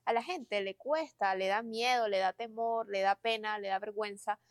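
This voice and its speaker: A woman's voice: medium pitch, normal speed, no room sound, studio quality. A young adult woman hosting a podcast, reflective and encouraging as she asks questions. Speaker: podcast host. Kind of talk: casual podcast chat.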